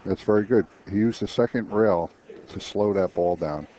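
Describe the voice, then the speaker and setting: A man's voice: low voice, normal speed, dark tone. A man commentating a pool match in a chatty way, explaining shots with frequent restarts. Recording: dull lo-fi stream audio with faint noise.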